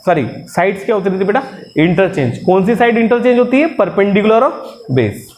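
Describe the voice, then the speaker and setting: A man with a high, lively voice and a darkish tone teaches a class at a brisk clip. He jokes around, calls his students "beta" (बेटा), and keeps checking in with them by asking "hai na?" (है ना?).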